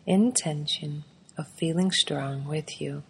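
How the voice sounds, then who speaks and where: A woman leading a guided meditation, giving soft, soothing breathing instructions with long pauses between phrases. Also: deep voice, husky. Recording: long reverberant echo.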